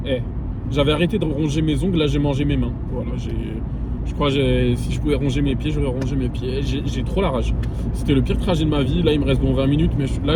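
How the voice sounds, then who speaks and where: A man in his twenties, medium-pitched and heard over heavy noise, vlogs casually on a handheld phone camera. He rants in exasperation and swears crudely while driving in a car on the road, then walking outdoors.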